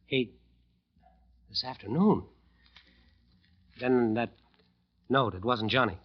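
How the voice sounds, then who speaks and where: In an old 1940s-50s radio drama, a male actor with a medium-pitched voice plays a haunted, exhausted bandleader wasting away under a curse. His brooding first-person narration is weary, halting and intense, the mood shaken and drained. The dull old recording has music behind it.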